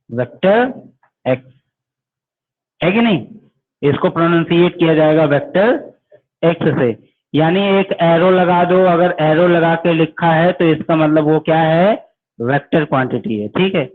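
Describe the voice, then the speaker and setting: A man's voice: a little high, moderate pace. A male physics teacher, giving an online class lecture. He calls his students "beta", asks them questions and then answers them himself. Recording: tinny phone-like audio.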